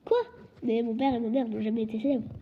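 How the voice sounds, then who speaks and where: A woman voicing a timid, confused young boy who speaks softly and hesitantly, in a storybook reading. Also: fairly high pitch, fairly even intonation, quick pace, lightly acted. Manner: soft, hesitant, half-whispered. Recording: dull lo-fi recording.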